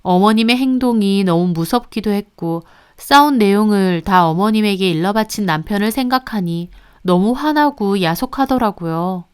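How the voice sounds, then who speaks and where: Smooth-voiced woman story narrator. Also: medium pitch, normal speed. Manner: expressive first-person telling.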